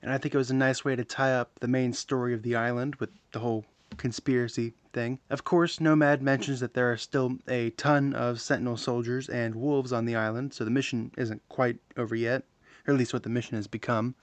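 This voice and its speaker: A male gaming host narrates gameplay in a casual, wry, offhand voice of middling pitch. The recording is dry and close, with no room sound. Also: steady tone, fairly quick, no echo.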